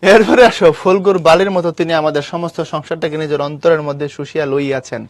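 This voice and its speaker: A male teacher explains a literature text in a lively way, teasing and scolding his students directly. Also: a little high, fast, no echo. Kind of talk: online class lecture on a literature text.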